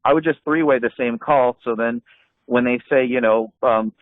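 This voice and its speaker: This anti-scam blogger has a medium-pitched voice and a moderate pace, with no echo on the dry, tinny call audio. Casually reminiscing to a group call, he rambles, uses many fillers and restarts, and frequently laughs through his stories.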